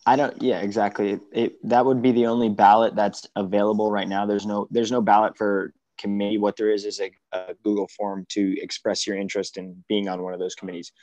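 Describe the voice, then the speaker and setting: A man's voice: on the low side, little pitch movement, darkish tone, no room sound, highs cut off. A man presenting committee details in an online members' meeting, talking casually with restarts and fillers. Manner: halting, with many restarts and fillers.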